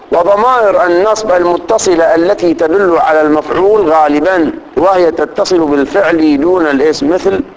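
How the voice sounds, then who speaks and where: A man teaching grammar to a class, reciting lists of pronouns slowly and often checking that students follow. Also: fairly high pitch, low-quality recording. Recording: faint background noise.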